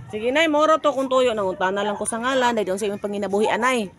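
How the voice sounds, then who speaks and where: A woman's voice: a little high, fast talker. A woman vlogging while climbing a hillside, out of breath and chatty, with a Cebuano accent. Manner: breathless, chatty, laughing often. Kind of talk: casual vlog, walking and chatting. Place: outdoors, hillside village.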